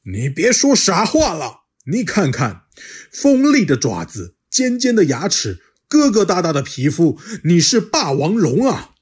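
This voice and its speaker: A storyteller putting on a gruff, insistent tyrannosaur. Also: mid-range voice, huge pitch swings, measured pace, full character voice.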